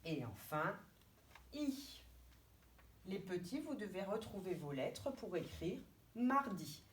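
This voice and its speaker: French woman teacher, slow and deliberate, lively lilting voice, heard from a little way off, faint noise behind. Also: medium pitch. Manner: slow, deliberate, stretching out syllables and letters. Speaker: kindergarten teacher. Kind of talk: remote video lesson for young children. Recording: distant mic with faint background noise.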